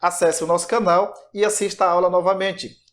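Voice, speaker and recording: A man's voice: high voice, flat delivery, brisk, a little hiss or hum. A man teaching a grammar lesson online, explaining step by step and asking himself rhetorical questions.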